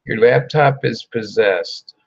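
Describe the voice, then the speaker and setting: A man hosts a casual late-night livestream, joking his way through the chat. His voice is gravelly with fry, and he talks slowly and unhurriedly. The video call audio sounds dull and lo-fi. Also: mid-range voice. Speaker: host of a late-night live show.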